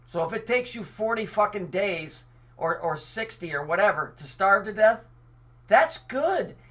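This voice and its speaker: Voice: mid-range voice, moderate pace, fairly bright tone. A commentator giving an angry monologue, reading out news and cutting in with sarcastic, profane remarks. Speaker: online commentator.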